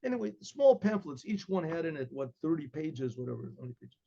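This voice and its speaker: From his desk webcam in a book-lined study, an older man with an American accent tells a casual class a meandering story, often repeating words and clearing his throat. His slightly high voice is sing-song and fast with a dark tone, and the sound quality is lo-fi.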